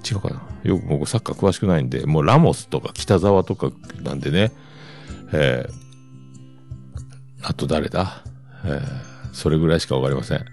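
Fifties male podcast host, Kansai accent, low and gravelly, chatty and rambling. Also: normal speed, pauses often, darkish tone, faint music behind. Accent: Kansai Japanese. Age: 50s. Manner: rambling, chatty, loose asides. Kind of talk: casual solo chat.

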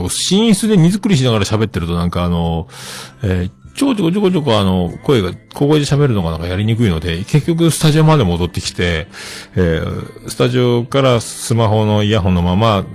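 A man's voice: fairly low pitch, sing-song, brisk, hardly any pauses, a little mellow, faint music behind. A man hosting a show, chatting casually on his own in a rambling, self-joking way. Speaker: host. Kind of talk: casual solo chat.

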